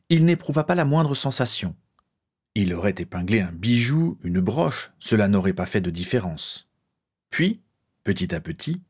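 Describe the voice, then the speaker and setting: A man narrating a fantasy story as an audiobook, measured and dramatic. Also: lowish voice, breathy edge.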